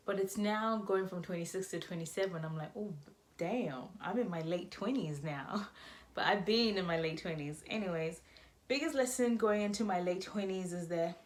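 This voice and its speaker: A woman in her twenties talking casually to camera as a vlogger, chatty and rambling, correcting herself as she goes. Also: fairly low pitch. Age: 20s. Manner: chatty, rambling, self-correcting, laughing asides.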